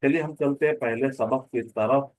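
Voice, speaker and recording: A man's voice: mid-range voice, steady tone, moderate pace, darkish tone, no echo, poor audio. A man teaching an online grammar class, explaining patiently, repeating points and asking rhetorical questions.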